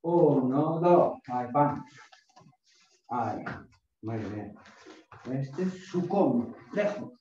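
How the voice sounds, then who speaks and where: A man's voice: medium pitch, expressive, extremely slow, long pauses, warm tone. A middle-aged man instructing a karate class, barking counts and short drill commands like a gym coach. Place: small home dojo with mats, indoors. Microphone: far camera across the room. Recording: distant echoey dull room recording, faint noise.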